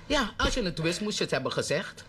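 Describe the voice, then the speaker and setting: A man's voice: high-pitched, sing-song, fairly quick, noisy background. A man with a Surinamese Dutch accent chatting casually on radio, often agreeing and echoing the other speaker. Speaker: radio co-host or studio guest. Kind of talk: casual chat.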